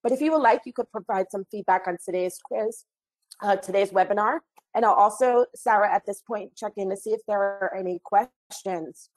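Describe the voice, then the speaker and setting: A woman trainer closing an online training webinar, a little hoarse from a cold, chatty and friendly with apologetic asides, speaking into a computer mic. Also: mid-range voice, moderate pace, a little mellow, poor audio.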